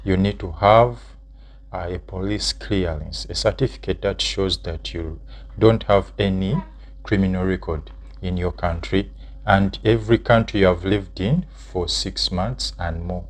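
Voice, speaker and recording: A man from Uganda speaks with a Ugandan English accent and a very deep voice. He explains things plainly in a casual chat, with "uh" fillers and quick "yeah"s. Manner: explains steps plainly, with fillers and short affirmations. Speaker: channel co-host.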